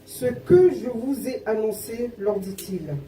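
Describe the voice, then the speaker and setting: In a roomy church sound with faint noise, a woman reads scripture aloud. Her voice is mellow. She reads haltingly, stumbling over words and correcting herself. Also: fairly high pitch, distant mic. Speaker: scripture reader. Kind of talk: reading Bible verses aloud.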